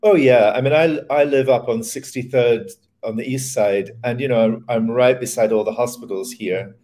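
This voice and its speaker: An older man speaks from his home over a webcam. His talk is relaxed and reflective, with a wry chuckle now and then, like a guest being interviewed. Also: mid-range voice, moderate pace. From Scotland. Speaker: theatre director guest. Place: home room indoors. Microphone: webcam on video call.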